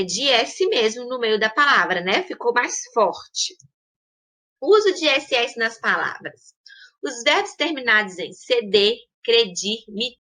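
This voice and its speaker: A young Brazilian woman teaching a primary class, with a Brazilian Portuguese accent and a bright, ringing voice. She speaks slowly and patiently, sounding out example words one by one and pausing to check that the pupils follow. Her voice sits a little high. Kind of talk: recorded online lesson.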